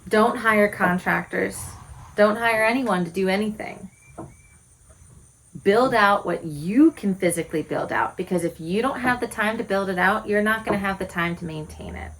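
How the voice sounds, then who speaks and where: A woman's voice: mid-range voice, moderate pace, a bit bright, a little hiss or hum, rough recording. A woman of about forty, a homesteading vlogger, talking earnestly to camera and posing rhetorical questions about her lifestyle. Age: 40s. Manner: earnest, candid, asks many rhetorical questions. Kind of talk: reflective direct-to-camera talk.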